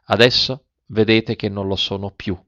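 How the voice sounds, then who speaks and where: A man's voice: fairly low pitch, steady tone, normal speed, fairly bright tone, dry recording, close to an everyday voice. A scornful proud countess, voiced by a male reader. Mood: bitter, ironic. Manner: scornful, clipped retorts. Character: proud, bitter noblewoman, sarcastic and scornful. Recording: slightly dull, dry close recording.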